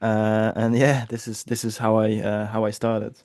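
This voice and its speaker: A man's voice: on the low side, completely flat delivery, unhurried, darkish tone, no room sound, clean studio sound. Polish-accented man, upbeat and chatty. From Poland. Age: 30s. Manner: upbeat, chatty, many fillers like "you know". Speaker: guest, business coach. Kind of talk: casual interview talk. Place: home office in London.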